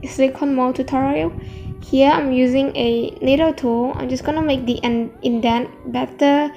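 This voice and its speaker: A woman narrating a casual craft tutorial in a halting, self-correcting way, her speech slightly affected by new braces. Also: high voice, a little mellow.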